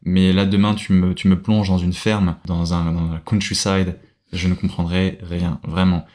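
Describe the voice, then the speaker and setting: A young Frenchman appears as a podcast guest in a casual interview chat, speaking hesitantly with many fillers and restarts. His voice is deep and a little mellow, with a level tone and a normal speed.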